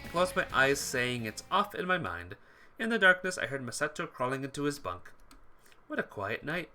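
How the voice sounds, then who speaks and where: Over game music, a man reads visual novel text aloud as dramatised narration, now and then stumbling on words and going back to reread them. His medium-pitched voice is very animated and sharp-toned, moving at a normal speed.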